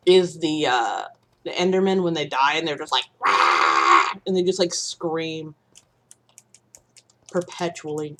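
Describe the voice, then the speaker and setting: A young woman from the Midwest streaming a game, rambling and swearing freely. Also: lowish voice. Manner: rambling, swears freely, sudden panicked outbursts. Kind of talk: casual gaming stream chat.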